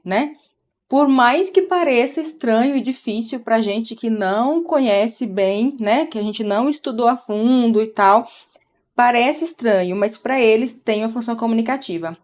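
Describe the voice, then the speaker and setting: A middle-aged woman from Brazil, a mother chatting casually on a live stream and explaining things as she goes. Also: a little high. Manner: chatty, explains while talking to her child.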